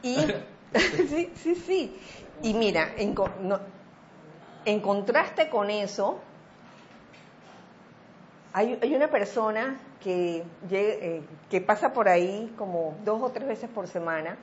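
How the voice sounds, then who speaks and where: A woman tells an everyday anecdote in a relaxed conversational chat, slipping into quoted voices as she goes. The audio is a little dull, with faint noise underneath. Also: medium pitch, slow, long pauses. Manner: animated, acts out quoted voices. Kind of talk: casual storytelling chat.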